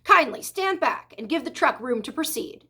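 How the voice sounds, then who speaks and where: Woman as a pompous high-pitched fairground announcer. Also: big pitch swings, normal speed, sharp tone, husky, full character voice. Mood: pompous, grand. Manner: pompous, formal, declamatory. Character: pompous fairground loudspeaker announcer making grand formal announcements.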